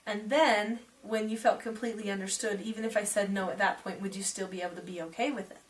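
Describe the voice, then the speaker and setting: A middle-aged woman, a parenting teacher, talking calmly and gently with her daughter in a reassuring way. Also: mid-range voice, fast talker. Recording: recorded from a distance with faint noise.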